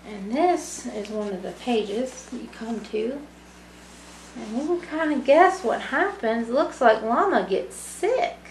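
A woman in her thirties, a student volunteer, reads a picture book to young children, speaking simply and using tag questions. Her slightly high voice moves slowly with lively intonation, in a small indoor room with a brick wall whose echo and background noise color the recording.

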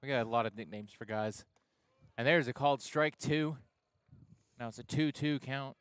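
A young man calling a college baseball game play-by-play, chatty and loose, getting excited on big plays, with the hiccups. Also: medium pitch, moderate pace, smooth, no room sound. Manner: conversational, excited on big plays, self-correcting. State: has the hiccups. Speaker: play-by-play announcer.

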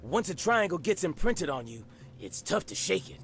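An actor playing a paranoid, irritable store owner in a comedy video game, agitated and exasperated. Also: male voice, high voice, big pitch swings, moderate pace, fairly bright tone, slight background noise, heavily acted. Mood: explaining. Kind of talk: animated comedy adventure game dialogue. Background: music.

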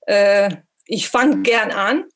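A woman's voice: mid-range voice, lively intonation, slow. A woman from Italy, a cultural mediator speaking hesitantly, with many fillers, in a casual dinner-table discussion. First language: Italian. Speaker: panel participant, cultural mediator.

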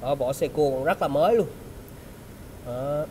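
High-voiced southern Vietnamese car salesman. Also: measured pace, warm tone, a little hiss or hum. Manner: salesman's patter, polite address and repeated selling points. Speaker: used car salesman presenting a car. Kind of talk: walkaround sales pitch to camera. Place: large open car service bay.

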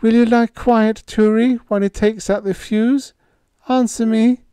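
A frightened young girl calls out in a high, trembling voice that keeps pleading, as a man puts her on. The pitch sits far above the reader's own low register. The sound is dry and close, with no room around it. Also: fairly even intonation, unhurried, dark tone, clean tone, no echo. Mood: coaxing.

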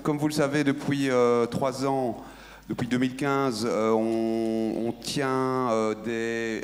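A man's voice: mid-range voice, a little hiss or hum. A man moderating a general assembly, thanking speakers and introducing the next item in an orderly way with frequent fillers. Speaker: meeting moderator.

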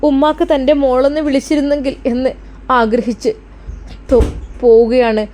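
High-voiced Malappuram woman narrator, earnest, emotive storytelling of a religious tale. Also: moderate pace, darkish tone. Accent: Malappuram Malayalam. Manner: earnest, emotive, addresses listeners directly.

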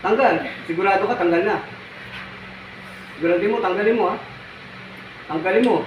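A man's voice: high-pitched, fairly quick, highs cut off. Commanding healer man, distant echoey sound. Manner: commanding, repetitive, scolding. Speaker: folk healer. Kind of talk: ritual healing commands. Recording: echoey, distant, noisy ambience.

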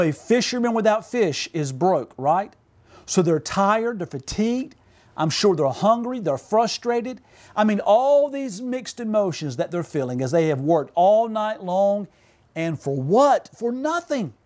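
A pastor in his forties preaches into a close camera from a small home office. His voice sits high for a man, and he drives the sermon with fervent emphasis and repeated calls for an amen. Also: darkish tone. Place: home office with purple lighting.

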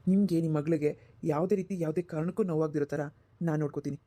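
Son-in-law role: woman playing a kind young husband, rapid-fire delivery, mellow tone, earnest. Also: sits low, steady tone. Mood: polite. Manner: earnest, reassuring.

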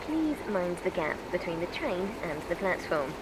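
A woman delivers a formal onboard train station announcement in a slightly low voice. Her scripted delivery is measured but moves up and down in pitch. Loud train noise runs behind her. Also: very animated. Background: loud train and vehicle ambience.

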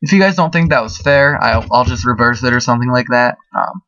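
A man's voice: medium pitch, fairly quick, pushed and bright, no room sound, highs cut off. Chatty man rambling through a let's-play. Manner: chatty, rambling, full of fillers. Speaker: gaming video host. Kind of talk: casual let's-play commentary.

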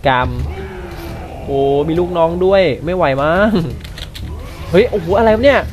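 A man's voice: high-pitched, animated, a little slow, darkish tone, faint music behind. A man commenting live as he plays a video game, exclaiming and swearing at what happens on screen. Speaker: gamer. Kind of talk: let's play commentary.

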